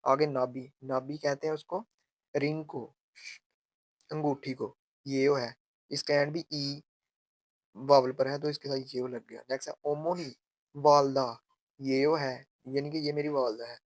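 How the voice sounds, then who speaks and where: A man teaching grammar step by step, repeating and slowly drawing out example phrases. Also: mid-range voice, steady tone, no room sound. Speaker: language teacher.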